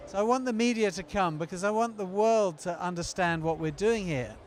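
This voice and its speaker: A man with a fairly high voice talks on a live stream about an event he helps run. He speaks loosely and rambles, stopping often to find his words. He was recorded outside, with city traffic around. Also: brisk. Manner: rambling, many fillers and restarts. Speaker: event organizer and former TV producer. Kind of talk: casual live stream chat.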